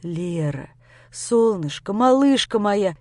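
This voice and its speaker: A woman's voice: medium pitch, expressive, slow, darkish tone, no echo, clean studio sound. A woman voicing a young man who pleads with and soothes his upset girlfriend. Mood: pleading.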